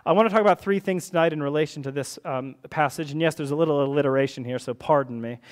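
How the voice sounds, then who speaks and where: A man's voice: fairly high pitch, fast talker. A man, the church's rector, preaching a sermon in a church service in a conversational way, often checking in with the listeners. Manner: conversational, checks in with tag questions.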